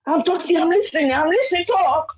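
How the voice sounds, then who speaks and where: Talking fast in a very high-pitched, animated voice, an older Nigerian-accented woman battles the host on a political call-in, insistent, repetitive, and talking over him. The line is muffled and lo-fi.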